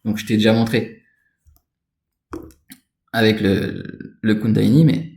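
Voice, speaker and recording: A man's voice: fairly low pitch, steady tone, a little slow, creaky, darkish tone, roomy sound. A man giving an informal spoken lesson on energy and chakras, rambling and addressing the listener directly. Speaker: spiritual energy instructor.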